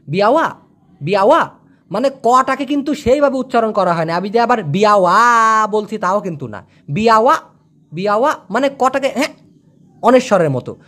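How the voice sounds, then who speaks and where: A woman from Bangladesh gives a casual spoken language lesson, slowly repeating words again and again as pronunciation drills. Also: fairly high pitch. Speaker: language teacher.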